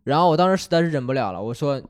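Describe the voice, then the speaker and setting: A man telling a comic story in casual chat on a comedy podcast, animated and full of quick restarts. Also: on the high side.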